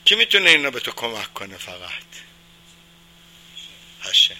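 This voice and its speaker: A man's voice: mid-range voice, sing-song, pushed and bright, slight background noise, poor audio. A man teaching a religious class, putting questions to his listeners and answering them emphatically.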